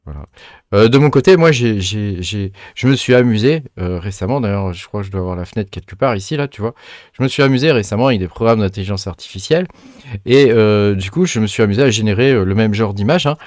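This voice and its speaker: A man's voice: lowish voice, lively intonation, quick pace, a little mellow, no room sound, clean studio sound. A man hosting a casual screen-share video on crypto and tech, chatting loosely with many fillers and restarts.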